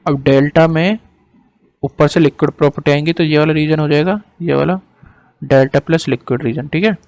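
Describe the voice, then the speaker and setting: A male teacher lecturing casually over a screen diagram, slowly dictating definitions word by word and then explaining more quickly in between, now and then apologizing for hesitating. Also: on the high side, steady tone, darkish tone.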